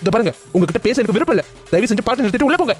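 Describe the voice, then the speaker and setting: A man's voice: high voice, animated, rapid-fire, soft background music. A man voicing a firm, exasperated young man in a cartoon family drama. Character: angry, protective young man.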